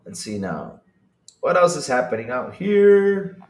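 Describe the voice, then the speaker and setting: A man from the Dominican Republic hosts a casual gaming stream, chatting straight to his audience. He is animated and laughs often, jumping from loud exclamations to low mumbles. His voice rings with a roomy echo. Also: a little slow. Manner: animated, laughing, swings between loud outbursts and mumbled asides. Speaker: podcast host. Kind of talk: casual livestream chat.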